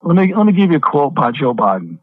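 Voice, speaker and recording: A fast-talking pastor with a slightly high, sing-song voice is a guest on a phone interview. The line sounds tinny but has no echo, and he repeats words emphatically to push his point.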